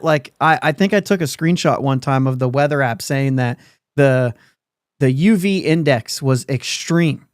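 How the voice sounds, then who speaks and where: A man's voice: a little high, no echo, studio quality. A man hosting a sports podcast in casual chat, rambling along and laughing often mid-sentence. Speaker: podcast host.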